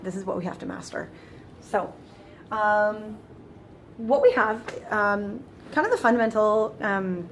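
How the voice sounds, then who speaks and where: A woman's voice: mid-range voice, slight background noise. A woman explaining grammar in a casual, chatty lesson, often restarting phrases and walking through it step by step. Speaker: French teacher.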